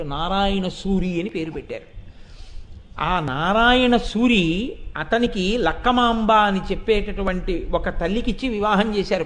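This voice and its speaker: A man giving an animated devotional storytelling discourse, asking the listeners rhetorical questions. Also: high-pitched. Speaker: devotional speaker.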